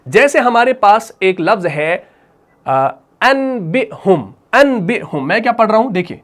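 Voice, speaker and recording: High-voiced man teaching Quran recitation. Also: animated, fairly bright tone. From Pakistan. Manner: patient, repeats points and asks questions back. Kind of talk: explaining a lesson, with slow recited examples.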